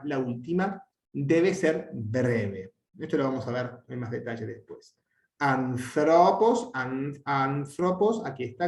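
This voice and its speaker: A man teaching a language lesson, explaining at length with frequent restarts and fillers, and drawing out his example words slowly. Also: medium pitch, a little mellow. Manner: hesitant, many restarts and fillers. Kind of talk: explanatory lecture. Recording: echoey room.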